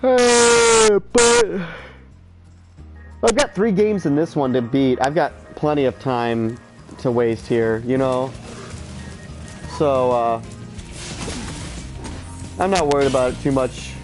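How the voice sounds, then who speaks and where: Slow and frequently pausing, this mid-range male voice belongs to a streamer in his thirties who is stuffy and sleep-deprived. He rambles profanely and opinionatedly through casual gameplay talk as game music plays.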